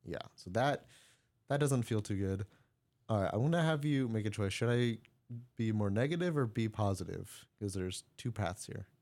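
A man's voice: lowish voice, expressive, normal speed, a little mellow. Man, podcast co-host, casual sports chat, joking, rambling. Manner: joking, laughs mid-sentence, rambling. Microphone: studio mic.

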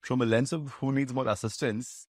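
A man's voice: mid-range voice, fairly even intonation, moderate pace, no room sound, clean studio sound. A man with an Indian English accent hosting a business interview, framing long, analytical questions in a conversational way. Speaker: interviewer, podcast host.

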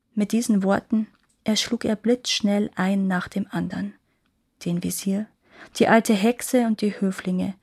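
A woman's voice: medium pitch, darkish tone. Woman reading a fairy tale. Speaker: storyteller podcast host.

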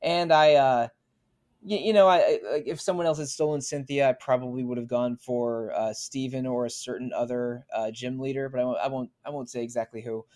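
A man's voice: medium pitch, fairly even intonation, brisk, a little mellow. A man hosting a casual podcast draft, calling on each player in turn and chatting between picks. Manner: moderating, calling on players by name. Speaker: host running a draft.

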